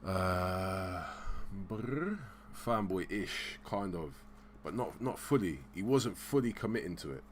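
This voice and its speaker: A man hosting a casual live stream, rambling and hesitant, giving shout-outs in slang. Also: low-pitched, lively intonation, slow, a little hiss or hum. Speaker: livestream host.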